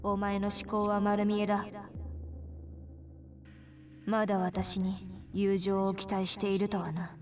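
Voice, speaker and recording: Actress as a ruthless, icy teen swordswoman in a game; contemptuous, even delivery. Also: mid-range voice, moderate pace, pauses often, slight background noise, close to an everyday voice. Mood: cold. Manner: cold, flat, contemptuous delivery. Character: cold, ruthless teenage girl with a sword.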